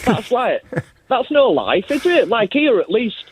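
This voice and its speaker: A man's voice: very high-pitched, very animated, a little slow, husky. A man from Leeds with a Yorkshire accent, chatting casually as a cheerful, blunt caller on a radio show and acting out what people said. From Leeds, England. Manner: cheerful, blunt storytelling with acted-out quotes. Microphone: phone call. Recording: tinny narrow phone line.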